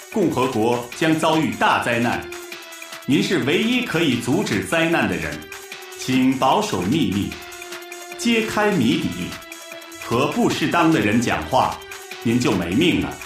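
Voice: medium pitch, very animated, takes it slowly, long pauses. A performer plays an ominous game narrator, solemnly and portentously setting out a grave mission. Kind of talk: dramatic scripted narration. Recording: very echoey, music behind.

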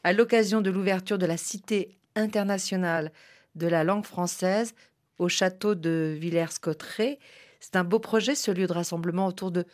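A woman hosting a radio interview, asking questions in a measured, articulate way. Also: on the low side, fairly even intonation. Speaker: radio host.

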